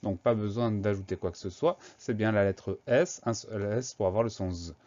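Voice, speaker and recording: A man's voice: on the low side, normal speed, mellow, muffled recording. A man teaching a spelling lesson, patiently spelling words out letter by letter.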